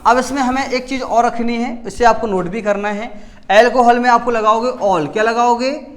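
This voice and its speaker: A man's voice: extremely high pitch, fairly even intonation, normal speed. A man teaching a chemistry lesson in casual classroom talk, who asks a question and then answers it himself, repeats key words, and often corrects his own slips. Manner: frequent self-corrections.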